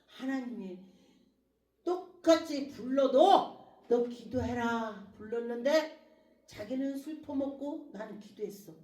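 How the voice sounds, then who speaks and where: A woman pastor preaching a sermon with lots of emotion, acting out prayers and dropping from loud cries to hushed asides. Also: medium pitch. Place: church. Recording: echoey church hall, mic at a distance.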